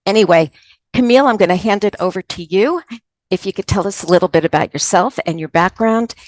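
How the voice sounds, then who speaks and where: A woman's voice: mid-range voice, brisk, no echo. A woman moderating a virtual conference, introducing a guest speaker in a heartfelt, earnest way. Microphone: video call.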